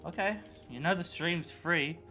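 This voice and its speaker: A male streamer with a bright, forceful, slightly high voice chats and swears his way through a live gaming session. He jumps between greeting viewers and bantering with friends, loose and excitable throughout. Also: unhurried, faint music behind. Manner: excitable, profane, bantering with chat. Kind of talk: casual live-stream chat while gaming.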